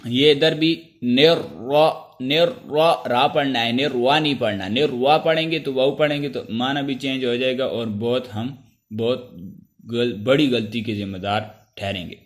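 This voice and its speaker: Man teaching Quran recitation in Urdu. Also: mid-range voice. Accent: Pakistani Urdu. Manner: slow drawn-out chanted letters between spoken explanations; clears throat now and then. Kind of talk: step-by-step recitation lesson.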